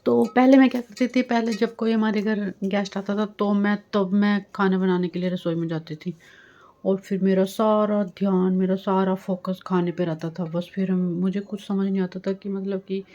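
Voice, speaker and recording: A woman's voice: mid-range voice, flat delivery, moderate pace, warm tone, muffled recording. A middle-aged woman vlogger, chatting casually to her viewers while doing chores at home. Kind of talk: casual home vlog chat.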